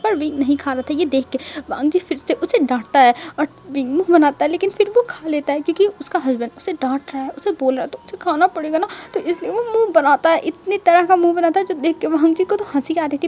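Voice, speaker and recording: A woman's voice: high-pitched, mellow. A woman narrating a fan fiction story in a chatty, conversational retelling.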